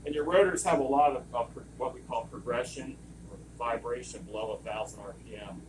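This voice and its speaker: In a room full of running lab machinery, a man with a mid-range voice talks a little fast while training people on equipment. He's casual and digressive as he explains, and the distant recording is swamped by loud compressor and vacuum pump noise.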